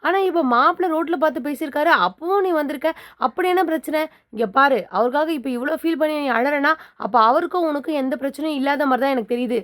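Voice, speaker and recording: A woman's voice: sits high, fast talker, natural voice. A woman voicing a worried middle-aged mother who keeps pressing and scolding her daughter. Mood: pleading, scolding. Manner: insistent, scolding questions.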